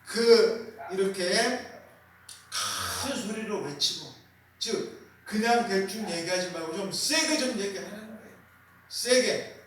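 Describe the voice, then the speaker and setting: A man's voice: high-pitched, sing-song, slow pace, pauses often. A male pastor in a small church preaching a sermon, asking rhetorical questions and emphatically repeating key words. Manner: rhetorical questions with call-and-response. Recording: very echoey room, voice from a distance.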